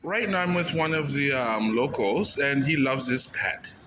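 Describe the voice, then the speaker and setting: On a noisy outdoor street with traffic, a man conducts informal interviews and commentary in an earnest, plain-spoken, repetitive manner. His voice is medium-pitched and animated, at a measured pace.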